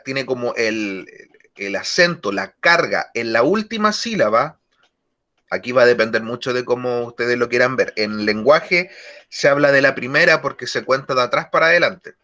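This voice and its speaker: A male teacher explaining grammar rules slowly in a lesson, often repeating key words. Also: medium pitch, pushed and bright. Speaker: English teacher.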